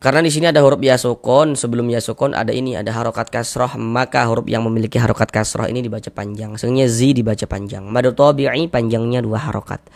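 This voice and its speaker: A man teaching Quranic recitation rules, explaining patiently, repeating each rule and slowly drawing out the recited syllables. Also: mid-range voice, steady tone, gravelly. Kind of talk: tajwid lesson with recited examples.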